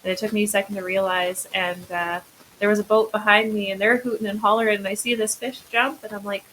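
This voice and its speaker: A woman guest chats through a casual interview at an ordinary middle pitch. She tells her stories freely and laughs easily between lines. A faint hiss sits under her voice. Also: flat delivery, quick pace, fairly bright tone, rough recording. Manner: chatty storyteller, laughs easily.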